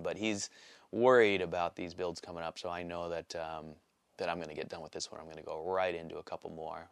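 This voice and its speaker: A man in his late forties giving a casual, rambling vlog update, halting often with fillers and restarts. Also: deep voice, no echo. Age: 40s. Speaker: vlogger. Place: small cold workshop shack.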